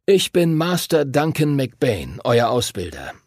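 Male reader voicing a brusque old pilot-teacher, storybook, raspy. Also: medium pitch, huge pitch swings, takes it slowly, a little mellow, no room sound, studio quality, voice pushed up, exaggerated voice. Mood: gruff. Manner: brusque, commanding. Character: wild gray-haired male pilot and teacher, gruff.

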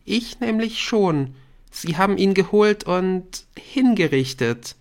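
A man's voice: sits high, expressive, slow, voice pushed up, exaggerated voice. Bryn, a man putting on a clingy teenage girl. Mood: conspiratorial.

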